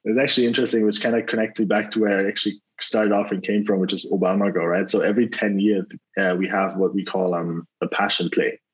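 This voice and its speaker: Deep flat-voiced man. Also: quick pace, husky. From Germany. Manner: relaxed, rambling, many fillers and restarts. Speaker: venture capital investor, guest. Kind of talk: casual interview over a call. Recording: dull lo-fi call audio.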